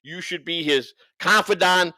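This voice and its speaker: A livestream co-host with a high, bright and forceful voice rants and banters off the cuff at an unhurried pace, swearing, rambling and repeating himself for emphasis. The recording is dry and studio quality.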